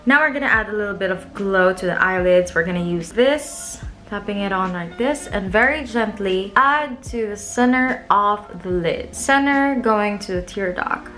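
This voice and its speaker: A woman's voice: mid-range voice, moderate pace, hardly any pauses, a bit bright, faint music behind. A young woman talking viewers through her makeup in a chatty, playful way, as a casual tutorial vlog. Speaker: makeup vlogger.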